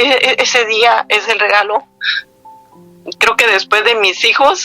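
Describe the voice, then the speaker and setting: A woman's voice: on the high side, sharp tone. A woman giving an earnest, heartfelt faith testimony, often restarting her sentences.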